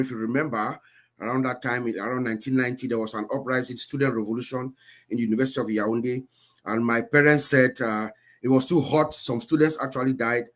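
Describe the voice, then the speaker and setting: A man's voice: mid-range voice, a bit bright. A man in his fifties who grew up in Cameroon, a guest speaker telling his life story on a live stream in an earnest, repeating way. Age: 50s.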